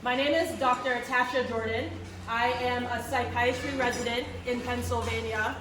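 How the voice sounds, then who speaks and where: Addressing a church audience in the Caribbean, this Barbadian woman in her thirties speaks earnestly, sometimes restarting phrases and putting questions to listeners. Her voice is on the high side with a steady tone at normal speed, recorded distantly in an echoey room with faint noise.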